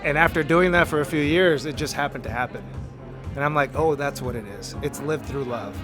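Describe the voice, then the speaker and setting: A man's voice: fairly high pitch, a little fast. A man from Los Angeles, an artist giving an earnest, motivational interview about his work. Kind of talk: reflective interview talk. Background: music.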